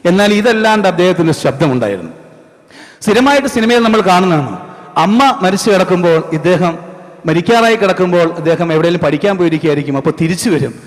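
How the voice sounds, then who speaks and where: A man's voice: sits high, quick pace. A man performing a mimicry comedy routine on stage, talking to the audience in a conversational way. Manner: lively, conversational. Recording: echoey stage hall.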